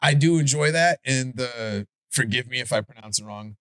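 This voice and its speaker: Profane, animated man with a Chicago accent. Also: mid-range voice, normal speed, no echo. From Chicago area. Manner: animated, profane, stumbles and restarts. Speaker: podcast co-host. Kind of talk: casual debate chat.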